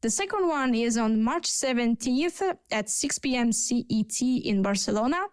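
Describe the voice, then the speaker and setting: A woman with an Italian accent co-hosts a relaxed podcast conversation over a video call. Her voice sits a bit high and comes through smooth and clean, recorded dry. She talks chattily and often pauses to search for her words. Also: no room sound. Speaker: podcast co-host. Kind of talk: casual panel chat.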